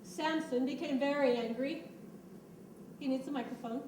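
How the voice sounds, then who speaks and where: A woman's voice: high-pitched, normal speed. A woman narrating a story and directing children through a church skit, giving patient, coaxing instructions. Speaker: children's ministry leader directing a Bible skit. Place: church room. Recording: roomy, distant mic with background noise.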